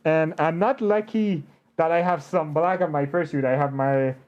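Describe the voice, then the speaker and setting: A man hosting a casual conversational interview, talking in an animated but hesitant way with slightly unidiomatic phrasing. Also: on the high side, moderate pace, dull audio. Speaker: interview show host.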